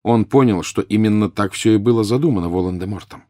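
A man reading scripted audiobook narration in a steady, measured way. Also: lowish voice, no room sound, studio quality.

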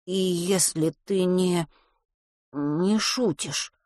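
A woman's voice: low-pitched, very animated, normal speed, slightly rough, dry recording, studio quality, heavily acted. Woman playing a timid mumbling schoolboy. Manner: quiet, hesitant, mumbling. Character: timid unlucky quiet schoolboy.

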